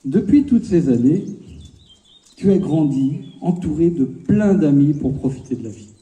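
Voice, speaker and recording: A man's voice: fairly high pitch, lively intonation, unhurried, mellow, echoey room, rough recording. A man in his fifties, the bride's father, giving a playful, teasing wedding speech with asides.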